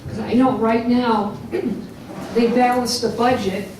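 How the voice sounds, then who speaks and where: A woman's voice: a little high, steady tone, slow, background noise. An older woman, an audience member at a public forum, pressing the candidates with pointed, indignant questions in a large echoey hall. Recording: echoey hall, heard from far off.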